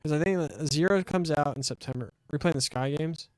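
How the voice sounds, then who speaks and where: A man streaming a game, chatting excitably and answering his chat with casual fillers. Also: on the high side, fairly quick, no echo, poor audio. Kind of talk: casual let's-play commentary.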